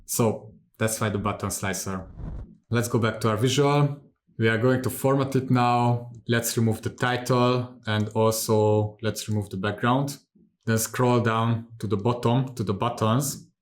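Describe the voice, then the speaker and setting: A man in his thirties from Hungary talks through a software tutorial in a calm, methodical way. His voice sits at an average pitch for a man. He speaks seated at a desk in a home studio. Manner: calm, methodical step-by-step explaining. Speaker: tutorial host. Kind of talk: screen-recorded software tutorial.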